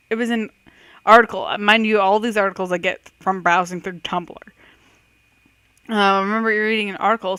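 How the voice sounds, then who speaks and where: Woman, crisp clear voice, dry close sound, casual game commentary, chatty, self-doubting. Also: medium pitch, fairly bright tone, dry recording. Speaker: host of a let's-play quiz video. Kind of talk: casual quiz game commentary, reading questions aloud and reacting.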